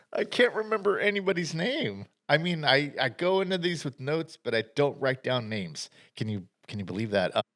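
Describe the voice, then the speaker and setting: A man's voice: a little high, very animated, normal speed, fairly bright tone. A man co-hosting a podcast, chatting casually about upcoming movies, rambling with restarts and frequent laughs. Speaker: podcast co-host.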